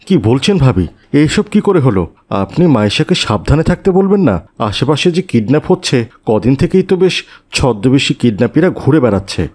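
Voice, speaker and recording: A man's voice: medium pitch, a little fast. A man voicing a caring, earnest father and neighbor in a cartoon. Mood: concerned. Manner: earnest, calming. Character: caring middle-aged father and neighbor, calm.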